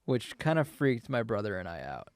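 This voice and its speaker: A man's voice: lowish voice, very animated, normal speed, clear, resonant tone, no room sound, clean studio sound. A man co-hosting a podcast, telling a story in casual chat with lots of filler words. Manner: rambling storytelling with many fillers. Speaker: podcast co-host.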